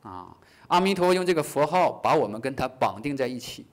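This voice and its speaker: A man teaching a Buddhist class in a lively way, acting out short dialogues, chuckling, and slowing down on key phrases. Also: medium pitch. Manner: slows down to stress key phrases. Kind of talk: dharma lecture.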